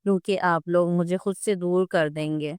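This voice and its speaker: A pampered, sulky young sister, pouting in a storybook reading, as a woman narrator voices her. The voice is crisp and low, and the recording is dry. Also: steady tone, moderate pace, darkish tone, no echo, lightly acted.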